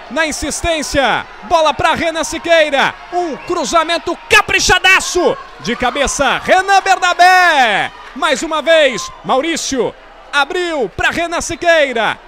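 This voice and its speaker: Explosive, shouting Brazilian male goal commentator. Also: extremely high pitch. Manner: excited shouting with drawn-out goal calls and catchphrases. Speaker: football commentator. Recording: crowd and stadium noise behind. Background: football crowd.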